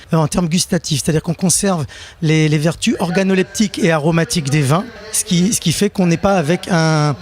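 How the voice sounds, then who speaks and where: Businessman giving a poised, explanatory interview, slightly higher male voice. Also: a little mellow. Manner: articulate, measured product explanation. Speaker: business owner. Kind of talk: interview at a trade show.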